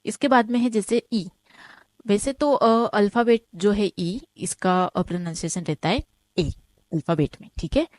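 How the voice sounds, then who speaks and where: A woman with a mid-pitched voice teaches an online German lesson, recorded dry and close with no room echo. She works through the material step by step and keeps checking with "ठीक है?". Each example word gets said slowly, twice. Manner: explains step by step, often asks "ठीक है?".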